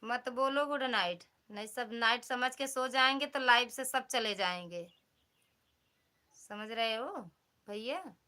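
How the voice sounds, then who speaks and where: A woman's voice: on the high side, takes it slowly, long pauses, bright, forceful tone. A woman with an Awadhi-flavoured Hindi accent from Uttar Pradesh, hosting a casual live stream, teasing and thanking viewers by name on a phone mic at home. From Uttar Pradesh, India. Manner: teasing, chatty, reads out and thanks commenters.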